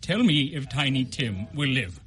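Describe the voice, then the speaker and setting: An actor playing an anxious old miser, pleading and halting, in an old radio drama style. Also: male voice, medium pitch, expressive, a bit bright, close to an everyday voice. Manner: halting, imploring.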